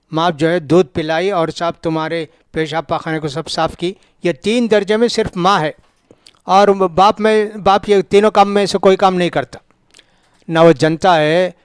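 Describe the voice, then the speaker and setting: A man's voice: sits high, clean tone, no room sound, studio quality. A man with a South Indian Urdu accent giving a religious lecture as a scholar, telling stories and acting out the dialogue, with emphatic repeats. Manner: storytelling preacher, acts out dialogue, repeats for emphasis. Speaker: Islamic scholar.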